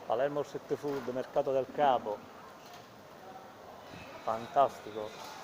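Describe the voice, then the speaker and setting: A man's voice: medium pitch, fairly even intonation, slow, background noise. A man giving brief, casual narration of the sights while filming a walk outdoors. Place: outdoors in a Palermo street market. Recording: busy outdoor crowd around the voice.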